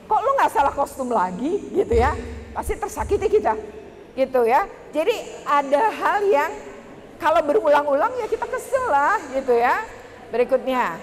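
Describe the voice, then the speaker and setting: High-voiced woman presenting in a hall. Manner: lively and chatty, addressing the audience directly. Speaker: workshop speaker for teachers. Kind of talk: presentation to an audience. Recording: reverberant hall, faint background noise.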